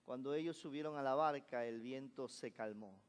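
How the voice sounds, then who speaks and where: A man's voice: mid-range voice, moderate pace, clean tone. A man preaching a Sunday sermon as pastor, leading the congregation in repeating phrases, calling them brother and slipping in jokes. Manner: call-and-response preaching, addresses listeners as brother; joking asides with laughter. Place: church sanctuary. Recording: echoey church hall.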